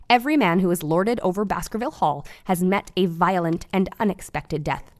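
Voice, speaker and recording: An actress with a lowish voice plays an earnest, eccentric Victorian woman doctor in an audio drama. She narrates in a formal, deliberate manner, and there is no echo.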